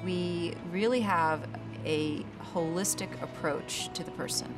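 A woman physician explaining a cardiac rehab program in a calm, measured documentary interview. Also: fairly low pitch. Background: background music.

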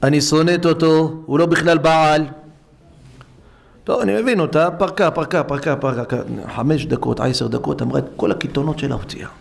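A rabbi preaches to his congregation in a synagogue, telling stories with lively acted dialogue and turning to ask his listeners questions. His man's voice sits a little high and has a gravelly edge. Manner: animated, acts out dialogue, addresses listeners directly. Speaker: rabbi giving a lesson. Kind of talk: storytelling sermon to a congregation. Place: synagogue hall, live-streamed.

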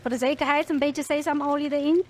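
Woman, high voice, chatty, walks thru every step while she cooks in her kitchen. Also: steady tone, fast, noisy background. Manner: chatty, explains each step while cooking. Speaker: cooking channel host. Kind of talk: casual cooking demonstration.

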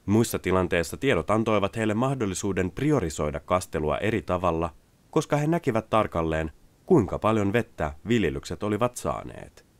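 Deep-voiced man, dry voice-over. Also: expressive, no room sound. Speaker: narrator. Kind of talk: scripted product narration.

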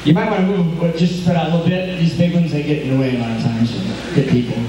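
A man's voice: fairly high pitch, fast talker, crowd noise. A man working a live stage show as a hypnotist, teasing and playful with volunteers, recorded on a distant home video camera in a large hall. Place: large hall at an after-prom event. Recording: echoey hall, far from camcorder, noisy.

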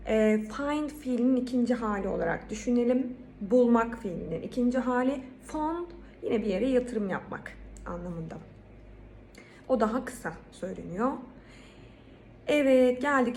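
A woman with a Turkish accent giving a pronunciation lesson, saying each English word louder and higher, then explaining it calmly. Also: a little hiss or hum. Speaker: English teacher.

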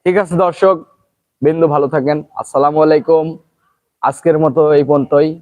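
A Bangladeshi man with a Pabna accent who hosts his own channel, singing a folk song loudly and then chatting quickly and casually with his viewers. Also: steady tone. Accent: Pabna Bengali. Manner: sings a folk song in a high strained voice, then chats quickly. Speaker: channel host. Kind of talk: casual live chat with singing.

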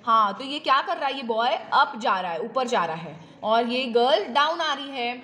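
A woman teaching kindergarten children in a slow sing-song way, asking questions and repeating each word pair for them. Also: fairly high pitch, expressive, sharp tone. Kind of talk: children's lesson with questions and answers.

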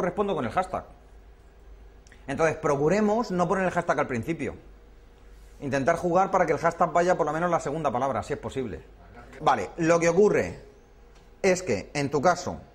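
A man runs a hands-on class in a training room. His voice sits a little on the high side, and he explains each step patiently while checking that everyone is following. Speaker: workshop instructor.

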